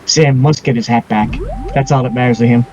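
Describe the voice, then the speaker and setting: A man's voice: mid-range voice, steady tone, brisk, darkish tone. A man giving casual video game commentary as a streamer, recorded on a dull microphone over game music.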